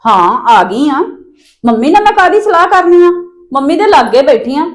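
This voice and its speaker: A woman with a Punjabi accent and a high voice plays a sister-in-law. She argues back defensively and denies the charges against her. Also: very animated, moderate pace. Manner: defensive, arguing. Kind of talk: scripted family drama acting.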